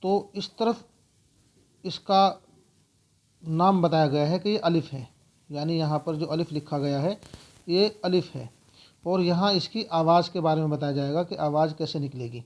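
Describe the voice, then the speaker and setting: A man teaching a spoken alphabet lesson, going through letters slowly and repeating each sound. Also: fairly high pitch, darkish tone. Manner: slow, repetitive letter-by-letter explaining.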